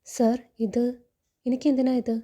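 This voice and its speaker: A humble young housemaid, read by a woman telling the story, polite and hesitant. The voice is a little high, and dark and mellow in tone. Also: level tone, a little slow. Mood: shy polite.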